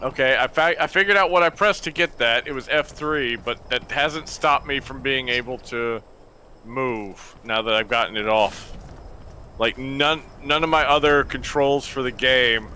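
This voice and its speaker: A man chatting casually as he plays a game, with halting, restarted sentences. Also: medium pitch, sharp tone. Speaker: gamer. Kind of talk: casual gaming chat. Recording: faint noise behind voice.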